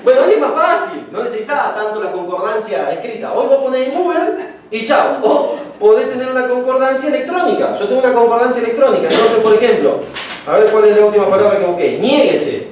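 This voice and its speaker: High-voiced guy lecturing preachers, jokey and chatty, mic far off in a very echoey room. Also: lively intonation, brisk, slight background noise. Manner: chatty, joking, acts out anecdotes. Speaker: homiletics teacher. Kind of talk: casual classroom lecture.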